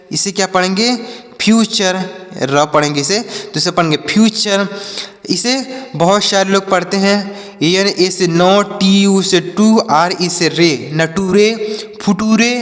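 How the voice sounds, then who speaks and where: High-voiced man teaching phonics in a reverberant room. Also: fairly bright tone. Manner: spells letters slowly, then repeats each word; asks questions and answers them himself. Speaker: English teacher. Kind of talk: spelling-out phonics lesson.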